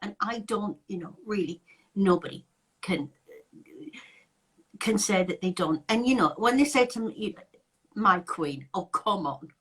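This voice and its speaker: A woman's voice: mid-range voice, unhurried, long pauses, husky, low-quality recording. An English woman co-hosting a live chat, talking in a wry, chatty way and laughing at scammers. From England. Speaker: co-host.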